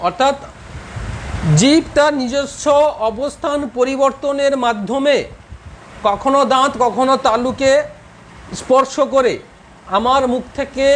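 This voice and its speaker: A man's voice: very high-pitched, unhurried, long pauses, slight background noise, low-quality recording. Man teacher quizzing a class. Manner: quizzing students, joking and laughing. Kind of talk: classroom lecture.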